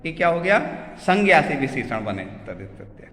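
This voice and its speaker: A man's voice: a little high, very animated, a little fast, fairly bright tone. A man teaching a Hindi grammar lesson, listing example words one by one and asking questions that he answers himself. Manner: asks the class questions and answers them himself; often checks in with "theek hai na". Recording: echoey room with long reverb.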